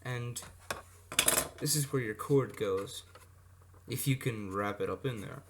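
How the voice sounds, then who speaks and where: Slow-paced and mid-range in pitch, a hobbyist video presenter gives a casual, unscripted demonstration of vintage electronics. He rambles, adds asides, and corrects himself, all in a noisy amateur recording with clicks.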